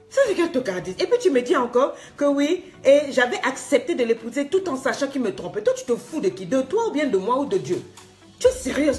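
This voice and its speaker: Animated high-voiced woman coach scolding. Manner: scolding, mocking, laughing, mixes in English phrases. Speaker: life coach. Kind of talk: animated motivational talk.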